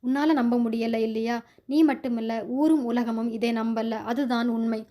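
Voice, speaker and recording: A woman voicing a gentle, grieving older mother in a spoken story, tender and heartfelt. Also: fairly high pitch, fairly even intonation, measured pace, lightly acted. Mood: earnest.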